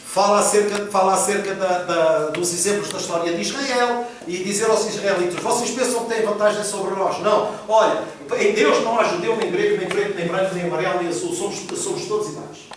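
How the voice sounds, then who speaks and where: A man's voice: high voice, a little fast, a little hiss or hum. A male pastor preaching a sermon, emphatic and asking the congregation questions. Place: church hall. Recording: echoey hall, mic far off.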